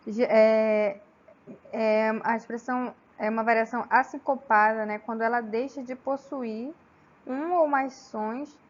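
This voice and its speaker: A woman from gives an academic talk, halting, with frequent tag questions and restarts. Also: on the high side. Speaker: student presenter. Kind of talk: academic oral presentation. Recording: slightly dull lo-fi with faint ambience.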